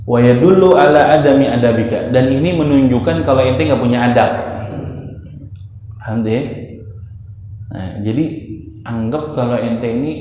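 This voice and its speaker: A man's voice: medium pitch, moderate pace, pauses often, warm tone, slight background noise. A male Islamic teacher, reading Arabic lines from a classical text and explaining them in casual, slangy talk, often checking whether his students understand. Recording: echoey dull lo-fi hall recording.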